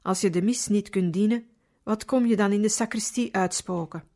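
A man's voice: high voice, moderate pace, darkish tone. A woman doing a furious grumpy sexton. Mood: angry. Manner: scolding, harsh.

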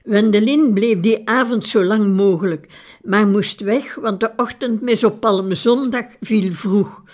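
Slow, calm woman narrator. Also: mid-range voice. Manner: calm, measured reading. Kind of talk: scripted audiobook narration.

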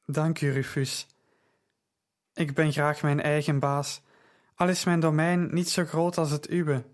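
A man voicing a young woman who sells purple dye, speaking in a gentle, reassuring and knowledgeable way. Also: deep voice, flat delivery, measured pace. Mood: calm reassuring. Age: young adult.

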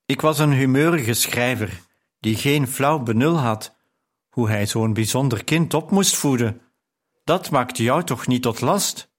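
A remorseful father, a moody writer, voiced by a male narrator in an audiobook. His words come slowly and gently, at a middle pitch. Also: lively intonation. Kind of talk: audiobook character reading.

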